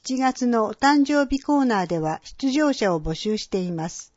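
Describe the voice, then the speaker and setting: A woman announcer reading a scripted public-service segment, with clear, measured delivery of names and dates. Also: a little high, expressive, a little mellow, no room sound, muffled recording. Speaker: municipal announcer.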